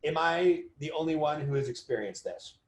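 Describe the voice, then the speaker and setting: A business coach with a slightly high, animated voice leads an informal mortgage coaching call for an online audience, speaking at a moderate pace. He's conversational and emphatic, repeating key phrases for stress, in a roomy, echoing recording.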